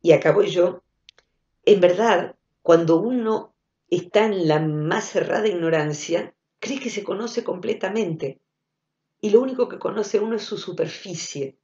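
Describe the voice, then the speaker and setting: A woman with an Argentine accent giving a reflective spoken talk, thoughtful and intimate, sometimes dropping to soft murmurs. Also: lowish voice, measured pace, roomy sound. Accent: Argentine Spanish. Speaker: speaker giving a recorded talk, former psychotherapist. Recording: dull lo-fi audio.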